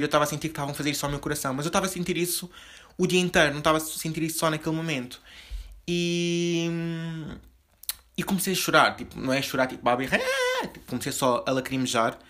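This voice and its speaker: A young man with a European Portuguese accent and a soft voice, rambling confessionally as host of his own casual podcast, with many fillers and restarts. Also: fairly high pitch. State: slightly deeper voice from just waking up. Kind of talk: casual solo podcast chat.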